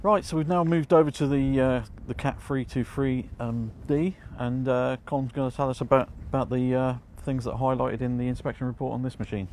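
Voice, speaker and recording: A man's voice: mid-range voice, steady tone, a little fast, hardly any pauses, darkish tone, a little hiss or hum. A man, hosting a blog interview outdoors at an auction yard, upbeat and asking short questions. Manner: upbeat, brief prompting questions. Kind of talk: on-site interview.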